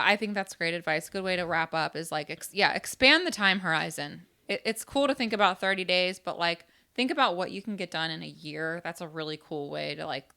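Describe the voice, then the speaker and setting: A woman co-hosting a podcast, talking frankly and casually with plenty of filler words. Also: lowish voice. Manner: frank, animated, lots of "like" fillers. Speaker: podcast co-host.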